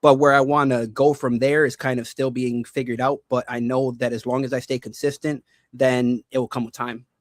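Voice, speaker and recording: A man's voice: mid-range voice, level tone, no room sound, clean studio sound. A man who is a guest and content creator, talking reflectively in a casual interview. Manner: reflective, measured.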